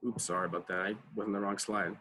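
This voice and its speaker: Over a video call, a man presents a college advising workshop as an online class, speaking casually with lots of fillers and frequent check-ins of "right?". His voice is on the low side, quick, pushed and bright, with little pitch movement.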